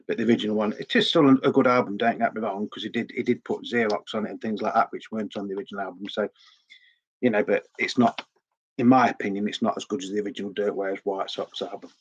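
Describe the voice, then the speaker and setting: On his casual record collecting vlog, a middle-aged man with a sore throat rambles on, often repeating himself. His voice is on the low side and slightly rough, and the audio sounds dull.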